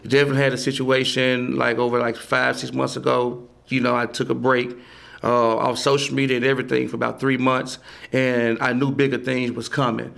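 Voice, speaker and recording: This is a playwright in his forties guesting on a podcast, his medium-pitched voice fairly flat, a little fast, slightly bright, with vocal fry. He talks loosely and emphatically, laughing easily and saying "you know" a lot in casual conversation.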